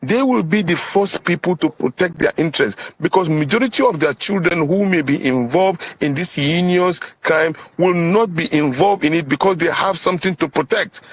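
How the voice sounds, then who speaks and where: A man speaking earnestly in an online discussion. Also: high voice. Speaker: panel speaker. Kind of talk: informal political talk.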